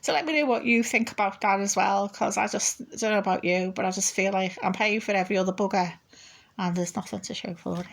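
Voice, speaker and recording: A woman's voice: medium pitch, fairly even intonation, fast talker, vocal fry. A middle-aged woman, chatting casually and rambling in her vlog. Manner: chatty, rambling, with frequent laughs and fillers. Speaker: vlogger.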